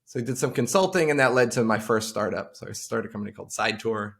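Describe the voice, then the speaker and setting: Gravelly man chatting on a video call. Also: lowish voice, quick pace, fairly bright tone. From Long Island, New York. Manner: rambling, many fillers and restarts. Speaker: podcast guest. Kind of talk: casual interview chat.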